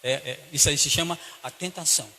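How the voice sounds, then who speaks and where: A Brazilian pastor with a very bright, forceful, fairly high voice tells a story in a sermon, acting out its people. His delivery swings from hushed to loud preaching. The sound rings with the long reverb of a church hall, over a faint background hum. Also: a little fast. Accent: Brazilian Portuguese.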